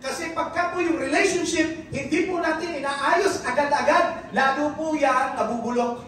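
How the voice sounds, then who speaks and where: A preacher with a high voice delivers a sermon in a mix of Tagalog and English, often quizzing the congregation. The voice is caught from a distance in a strongly echoing church hall with faint background noise. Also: normal speed, fairly bright tone. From Philippines.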